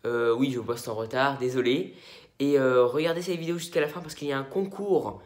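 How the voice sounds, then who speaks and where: A man's voice: medium pitch, brisk, roomy sound. A young man with a French accent chatting casually while showing his toy collection in an upbeat vlog. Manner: chatty, upbeat, many fillers and asides.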